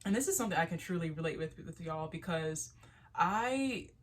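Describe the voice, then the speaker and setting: A woman's voice: deep voice, expressive, normal speed. A young woman with a stuffy nose giving a casual, earnest tarot reading, rambling with restarts and little laughs. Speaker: spiritual tarot reader. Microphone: solo video to camera.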